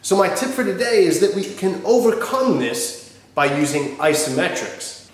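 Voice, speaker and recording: A man's voice: sits high, big pitch swings, moderate pace. A man, talking to camera in a direct, colloquial, instructional way as a fitness host. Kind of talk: talking to camera, answering viewer questions. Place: small wood-panelled home gym, indoors. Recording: very echoey room.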